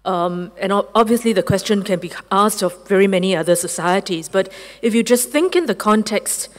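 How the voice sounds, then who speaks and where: A woman speaks to a panel audience in a raspy, hoarse voice, her words slightly muffled as if she has a lozenge in her mouth. Her pitch sits in a middle range. A long reverb trails after her in the hall. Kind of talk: formal talk to an audience.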